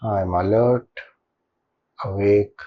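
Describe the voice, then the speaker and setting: Speaking softly and calmly, an Indian-accented man leads a guided meditation as a spiritual teacher and leaves purposeful pauses. The voice leans low, and the recording sounds muffled.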